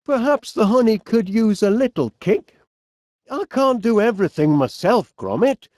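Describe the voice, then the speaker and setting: A high-sitting male voice performs a fussy, cheerful, absent-minded middle-aged inventor with a Northern English accent for an animated comedy game, bumbling, hesitant, polite and chatty. He starts out musing and slides into flustered urging at a moderate pace. The studio recording is clean with no echo.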